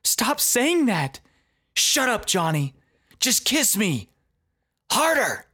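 Memoir read-aloud figure: a weeping drunk young woman, as a male narrator puts her on, high and pleading. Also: sing-song, slow, pushed and bright, exaggerated voice. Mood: heated. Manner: pleading, self-loathing.

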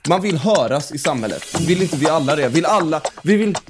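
A man's voice: on the high side, lively intonation, music in the background. A man in a comic podcast debate, arguing emphatically and mockingly, swearing now and then.

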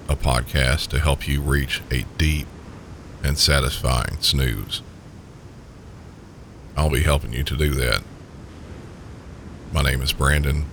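A man with a Southern US accent narrates like a sleep story host, soothing listeners in a calm, gentle, unhurried manner. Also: gravelly. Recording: steady low rumbling background noise. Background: low pink-noise rumble.

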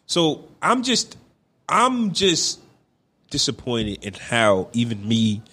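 A man's voice: mid-range voice, huge pitch swings, takes it slowly, sharp tone, husky. Opinionated young man in casual chat. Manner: opinionated, makes his points with repeated checks like "right?". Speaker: podcast co-host.

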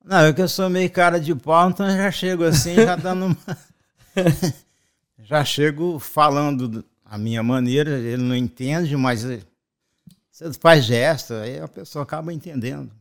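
A man's voice: on the high side, moderate pace. A man with a Brazilian accent, a father telling rambling travel anecdotes in casual family chat and chuckling as he goes. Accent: Brazilian Portuguese.

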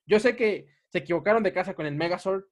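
A man's voice: sits high, quick pace. A young man with a Mexican Spanish accent, telling a story in a casual podcast chat and laughing often.

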